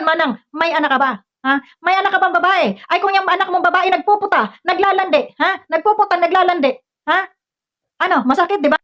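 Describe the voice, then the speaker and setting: Fast scolding high-voiced Filipina woman. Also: a bit bright. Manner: scolding, confrontational, many rhetorical questions. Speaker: vlogger ranting at a commenter. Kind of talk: heated commentary rant. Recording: dull lo-fi recording.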